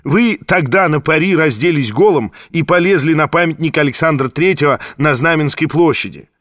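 A man's voice: a little high, normal speed, fairly bright tone, no echo, clean studio sound, lightly acted. A man voicing a jovial, nostalgic former police officer with hearty exclamations.

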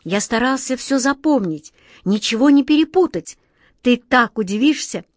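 Cast a woman as a teasing boyish wind sprite for a storybook, very high, singsong and chiming, dry close sound. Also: animated, moderate pace, no room sound. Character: playful childlike wind spirit, boyish, teasing.

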